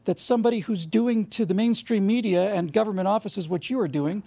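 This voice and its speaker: Male talk show host, gravelly and mellow, emphatic and conversational. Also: high voice, brisk. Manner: emphatic, admiring, builds points in long runs. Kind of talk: conversational interview.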